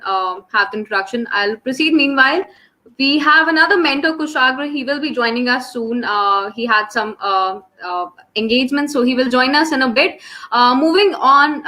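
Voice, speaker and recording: Presenting a live webinar to students over an online call microphone, a young woman with an Indian English accent speaks in a high, bright and forceful voice as the host.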